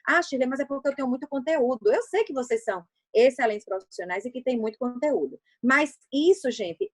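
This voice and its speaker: A woman's voice: sits high, dry recording. A middle-aged woman from Brazil, a public speaking coach and guest, explaining her craft in a didactic way and asking and answering her own questions. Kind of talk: explanatory talk on a livecast.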